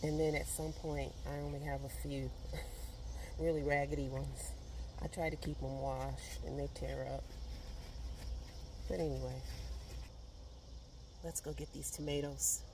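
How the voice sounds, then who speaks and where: Working in her backyard, a middle-aged woman vlogs a casual garden tour, chatting eagerly with viewers. Her voice is low and fairly monotone, a bit slow, with frequent pauses and noise in the background.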